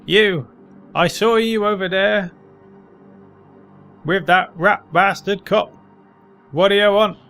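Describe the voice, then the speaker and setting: A man's voice: high voice, steady tone, slow pace, long pauses, a bit bright, smooth, faint music behind, pitched above the performer's own voice, exaggerated voice. A man voicing a blunt, suspicious old homeless man from a video game, irritable and slangy. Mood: hostile. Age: older. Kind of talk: video game character read aloud.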